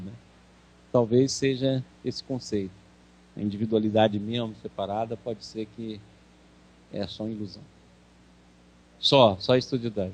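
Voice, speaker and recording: A man's voice: mid-range voice, a little mellow. A man with a Brazilian accent giving a spiritual course lecture, emphatic and full of rhetorical questions. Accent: Brazilian Portuguese. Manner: emphatic, rhetorical questions, acts out quoted speech.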